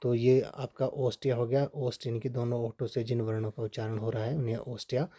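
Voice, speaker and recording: A man teaching a Hindi grammar lesson for exam preparation, steady and repetitive, often checking in with "ठीक है". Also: mid-range voice, fairly quick. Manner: steady, repeats points with frequent "ठीक है" checks.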